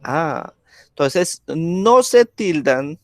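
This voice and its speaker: A male teacher talks very slowly and patiently, with a slightly raised pitch. He keeps checking in with the class. The sound is dry and close, like a video call. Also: expressive, no room sound. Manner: slow, patient, checks in with frequent "¿sí?". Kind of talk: classroom grammar lesson.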